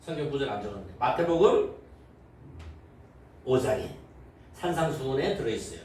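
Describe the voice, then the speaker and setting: A man's voice: medium pitch, big pitch swings, moderate pace, darkish tone. A male pastor gives a sermon, asking the congregation questions and acting out how worldly people react. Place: church sanctuary. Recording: very echoey hall, voice from far off, faint noise.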